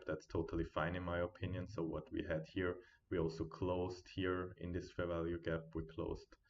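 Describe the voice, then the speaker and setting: A man at home giving live trading commentary, thinking aloud as he watches the charts and chats with his viewers, on a quiet built-in computer mic. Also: sits low, highs cut off, a little hiss or hum. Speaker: day trading streamer.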